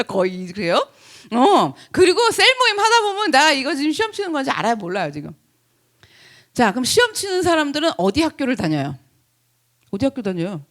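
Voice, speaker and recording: A woman pastor preaches with high energy, her voice pitched high and swinging widely. She throws questions to the congregation and acts out little quoted lines. She laughs easily as she explains. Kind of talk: lively sermon.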